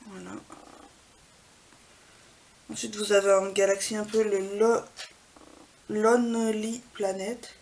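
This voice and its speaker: A woman beauty vlogger, soft-spoken, walking through makeup swatches in a casual way at home and often dropping to a near whisper. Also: medium pitch, flat delivery, slow pace, long pauses, a little hiss or hum, rough recording. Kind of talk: casual product swatch walkthrough. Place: home apartment.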